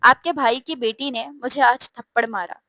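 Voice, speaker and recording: A woman's voice: on the high side, fairly even intonation, normal speed, pushed and bright, no room sound. A woman reading a storybook aloud and voicing a bold, cheeky young man. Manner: forthright, complaining.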